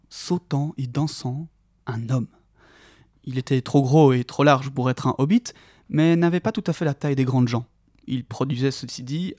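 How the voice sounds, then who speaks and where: A man telling a story by reading it aloud, in a steady, expressive storyteller's manner. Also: mid-range voice, no echo, studio quality. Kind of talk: audiobook-style read-aloud.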